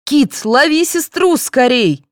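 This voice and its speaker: Женщина играет раздражённую резкую мать. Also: female voice, a little high, big pitch swings, normal speed, a little mellow, no echo, pitched above the performer's own voice. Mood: irritated. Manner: dismissive, snapping. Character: sharp-tongued impatient mother.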